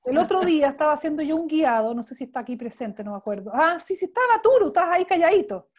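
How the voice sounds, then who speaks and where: High-voiced, effusive woman coaching trainer. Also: sing-song, fast. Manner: effusive, emphatic, punctuated with rhetorical check-in questions. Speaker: coaching trainer leading an online class. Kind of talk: informal live teaching, improvising.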